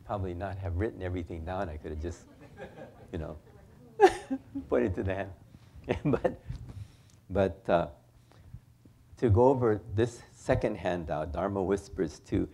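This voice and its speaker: A man giving a relaxed, rambling Buddhist lecture with chuckling asides. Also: low-pitched, gravelly. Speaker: Buddhist minister. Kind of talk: informal Dharma lecture.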